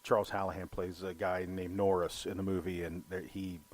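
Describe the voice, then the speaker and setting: A deep, level-toned man talks a little fast as co-host of a film podcast. His casual movie talk is rambling and profane, packed with "you know."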